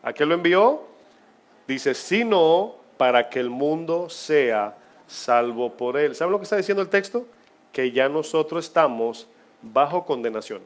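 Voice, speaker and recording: Spanish-speaking preacher with swinging emphasis. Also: male voice, a little high, animated. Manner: preaching with rhetorical questions to the congregation; swings between loud emphasis and quiet, drawn-out phrases. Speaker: pastor. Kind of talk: sermon.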